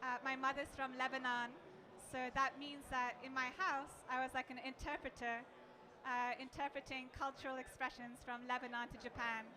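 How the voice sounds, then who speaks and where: A woman's voice: high-pitched, level tone, moderate pace. A woman founder introducing herself on a conference panel, speaking up in a noisy room. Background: crowd murmur.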